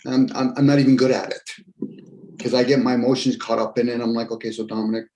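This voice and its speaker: A show host in his fifties talks in a mellow, mid-range voice with little pitch movement and a quick pace during a casual group chat. He rambles, reflects and jokes, recorded in a roomy space with faint noise.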